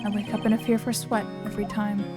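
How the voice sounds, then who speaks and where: A woman voicing a composed young male prosecutor haunted by guilt, reading game lines in a quiet, low-key confessional way. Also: flat delivery, fast talker, music in the background, close to an everyday voice. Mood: troubled. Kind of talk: reading game dialogue aloud.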